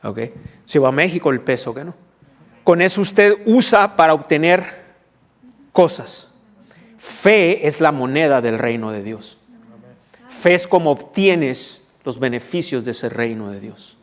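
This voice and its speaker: A man preaches a teaching sermon at a middle pitch. He explains verses point by point and keeps checking that the congregation follows. His voice rings with the long reverb of a church hall. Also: expressive, measured pace. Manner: teaching, asks the congregation questions. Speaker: pastor.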